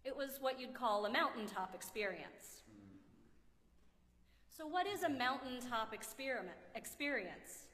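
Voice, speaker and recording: A woman preacher reading the gospel and giving a sermon in measured storytelling, from the United States, heard in a large church sanctuary. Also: sits high, lively intonation, fairly bright tone. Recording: echoey church hall from a distance.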